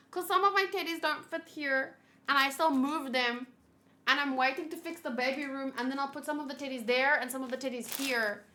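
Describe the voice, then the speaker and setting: On a casual livestream, a gaming-channel host aged thirty unboxes plush gifts, chatting in a gushing, cutesy, rambling style. Her high voice has a sharp tone and a moderate pace.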